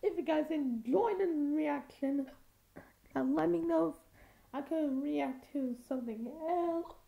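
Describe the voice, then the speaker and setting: A woman's voice: high voice, a little slow, creaky, highs cut off. A woman with hiccups reacting casually to clips, exclaiming and laughing as she watches. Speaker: video reactor.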